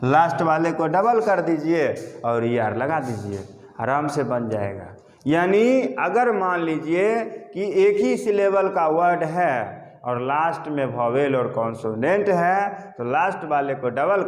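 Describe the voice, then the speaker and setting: Male grammar teacher, fairly high voice, quizzes himself and repeats key terms, long echoing reverb in the room. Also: very animated, unhurried. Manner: asks questions and answers them himself, repeating key terms. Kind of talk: classroom lesson explaining grammar rules.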